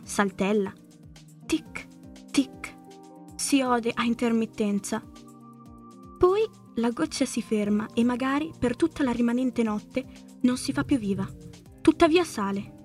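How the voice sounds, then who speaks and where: Woman reading a story softly over music. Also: on the high side. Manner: slow, measured, hushed storytelling. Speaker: narrator. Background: faint music.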